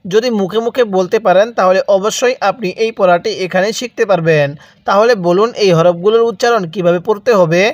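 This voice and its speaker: With no echo in the recording, a Bangladeshi man whose voice sits high teaches Quran reading gradually. His pace is slow, every syllable drawn out, and he repeats himself while prompting the learner to join in.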